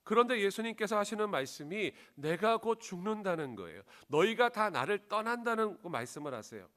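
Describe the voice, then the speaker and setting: A male pastor delivers a sermon with a lively, widely swinging pitch. He asks the congregation questions and draws them in. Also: fairly quick.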